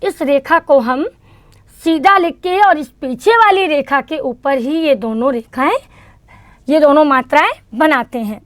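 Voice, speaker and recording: A woman's voice: high voice, unhurried, dry recording. A woman teaching kindergarten children in an online lesson, patiently repeating each sound for them to say back. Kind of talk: online lesson teaching Hindi vowel signs.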